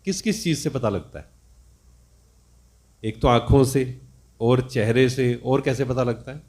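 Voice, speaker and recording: A man's voice: medium pitch, measured pace, a little mellow. A man giving a spiritual discourse, teaching reflectively and asking his listeners questions.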